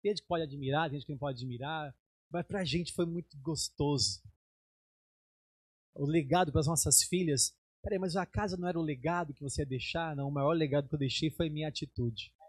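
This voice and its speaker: A man's voice: slightly rough, dry recording, clean studio sound. A middle-aged Brazilian man preaching as a bishop, telling a personal testimony and acting out the dialogue in a raised voice. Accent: Brazilian Portuguese. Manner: animated storytelling, acts out dialogue in raised pitch. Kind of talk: sermon testimony.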